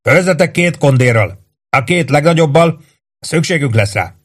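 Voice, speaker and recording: A man reading an audiobook, voicing a gruff army first sergeant who shouts orders at his troops in a loud, raised voice. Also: a little high, expressive, voice pushed up. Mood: brisk orders. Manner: barks commands, curses, loud and emphatic.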